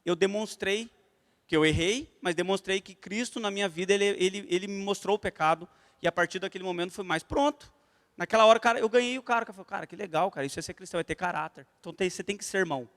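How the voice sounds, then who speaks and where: Very high-voiced Brazilian church teacher. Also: male voice, fast, big-room sound. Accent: Brazilian Portuguese. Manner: lively storytelling that addresses the class directly. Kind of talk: church class lecture. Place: church hall.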